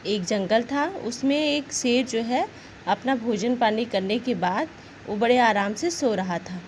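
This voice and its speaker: A woman teacher with a high voice reads a short children's story aloud. She stops often to explain simple words and check in with her listeners. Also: a little slow, a little hiss or hum, poor audio.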